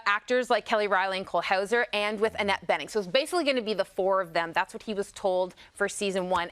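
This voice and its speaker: A woman's voice: mid-range voice, fairly bright tone, no echo. Chatty morning-show entertainment host, woman.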